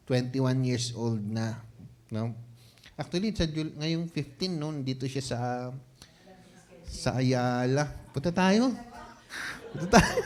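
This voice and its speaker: Playful pastor preaching with laughter. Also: male voice, mid-range voice. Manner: playful, laughs often, checks in with the congregation; mixes Tagalog and English. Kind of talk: conversational sermon.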